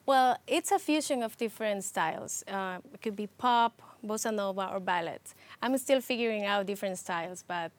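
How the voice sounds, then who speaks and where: Woman, Ecuadorian-born, interview guest, hesitant restarts, soft laughs. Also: mid-range voice, normal speed. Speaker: interview guest, TV producer and host. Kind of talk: casual interview conversation.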